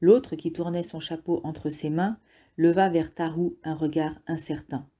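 Woman audiobook narrator, dark and husky, steady delivery. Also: deep voice, a little slow. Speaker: audiobook reader.

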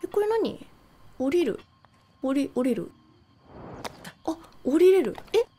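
High, lively, excitable woman streamer. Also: slow, slight background noise. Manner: excitable, reacts with constant exclamations. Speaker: game streamer. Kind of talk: live game commentary.

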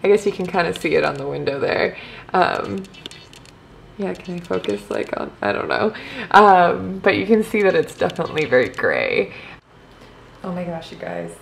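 A woman's voice: fairly low pitch, very animated, normal speed, gravelly. Rambling young woman vlogging in a roomy hotel room. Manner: rambling, filler-heavy, giggly. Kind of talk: casual vlog chat. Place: small hotel room indoors. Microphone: handheld camera close up. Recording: roomy hotel room sound, faint hiss.

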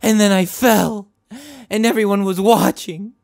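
For an animated short, an actor voices a desperate cartoon man who rambles as he pleads to be believed about who he is, repeating himself and stumbling over restarts. The voice is high-pitched, fairly even in intonation and a little slow, with vocal fry, and the mood is pleading.

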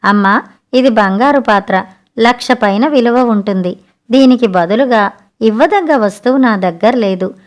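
A woman reading a storybook, voicing a kind, honest male trader who speaks gently. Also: fairly high pitch, normal speed, lightly acted. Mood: gentle. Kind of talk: storybook narration.

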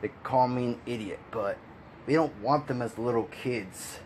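At a moderate pace and mid-range pitch, a man rants his opinions as a video commentator, with a slight hiss or hum present. He sounds exasperated and frustrated, letting out sighs and laughs and repeating himself.

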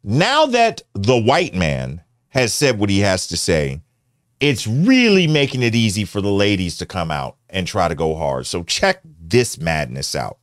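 A man's voice: fairly low pitch, wildly swooping pitch, a little slow. A middle-aged American man giving casual, slangy, teasing reaction commentary as a show host. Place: indoor home studio. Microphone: close studio mic on boom arm.

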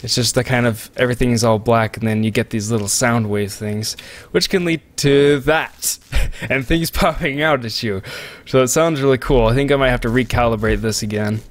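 A let's play commentator talks at normal speed in a mid-range male voice, casually narrating a game, joking around and rambling at viewers on a close desk microphone.

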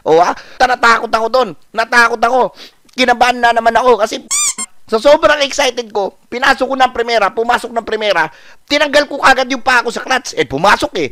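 A man's voice: very high voice, a little fast, dry recording. A man from the Philippines telling a story in a casual vlog, acting out the dialogue and repeating lines. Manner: animated, acts out dialogue with repetition. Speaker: vlogger.

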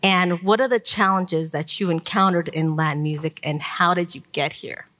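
A woman's voice: lowish voice, steady tone, moderate pace, fairly bright tone, slight background noise. Woman moderating a conference panel. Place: conference stage before an audience.

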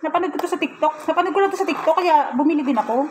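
A woman's voice: sits high, very fast, slight background noise, rough recording. A woman chatting casually in a home kitchen vlog, giggly and self-mocking. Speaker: vlogger.

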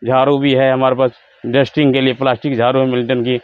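A man in his thirties giving a steady salesman's patter in a small crowded shop, running through brands and prices. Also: medium pitch, fast. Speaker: wholesale shopkeeper. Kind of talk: sales pitch for a shop tour. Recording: slightly dull, faint background hum.

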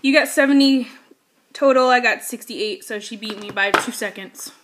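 A woman's voice: fairly high pitch, normal speed, background noise. A young woman talking casually as co-host of a home vlog, seated a little back from the camera mic in a kitchen. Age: young adult. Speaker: vlogger co-hosting a challenge video. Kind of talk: casual chat. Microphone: device camera mic, seated slightly back.

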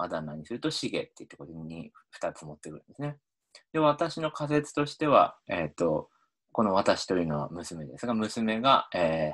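A man with a very low voice gives a linguistics lesson over slides. His pitch swings widely as he explains, and he often pauses on fillers and restarts his sentences. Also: husky. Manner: hesitant, many fillers and restarts. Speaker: linguistics lecturer.

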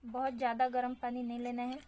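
Woman, vlog host, high chatty tutorial voice-over. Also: monotone, fast, dark tone. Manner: chatty, repeats "so guys". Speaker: beauty channel host.

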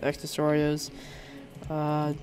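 Showing off a Minecraft resource pack, a young YouTuber with a sore throat rambles slowly in a fairly high, monotone, slightly mellow voice. He hesitates a lot, with many ums and restarts, and faint music plays behind him.

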